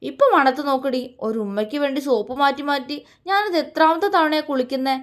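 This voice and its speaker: A jealous young husband sulks and pleads in a petulant, whiny voice, read by a woman storyteller. He sounds high and light for a man, as if wounded. The story is read aloud as an audio tale. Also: fast, close to an everyday voice. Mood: sulking. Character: sulky, pouting young husband, jealous of the baby.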